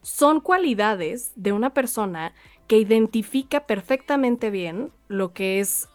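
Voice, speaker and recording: A woman's voice: fairly high pitch, expressive, measured pace, no room sound. A woman hosting a podcast interview, gushing with praise for her guest and laughing often. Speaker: podcast host. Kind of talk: casual interview.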